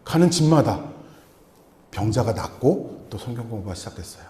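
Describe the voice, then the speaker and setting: A man preaching a sermon as a missionary, telling a personal story in an animated way and acting out the dialogue. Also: fairly low pitch, moderate pace, roomy sound. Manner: animated, acts out dialogue in changing voices. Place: church sanctuary.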